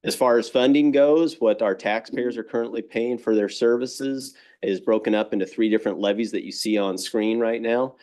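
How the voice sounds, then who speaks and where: A middle-aged man, a fire chief, giving a brisk, plain-spoken presentation full of figures to a city council. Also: medium pitch, a little mellow. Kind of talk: public presentation. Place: council chamber.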